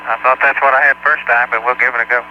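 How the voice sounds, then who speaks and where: A man's voice: medium pitch, level tone, fast talker. A man, an astronaut in flight, talking to mission control in a clipped, matter-of-fact way over a distant, breaking-up space-to-ground radio link. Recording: muffled archival space radio with hiss.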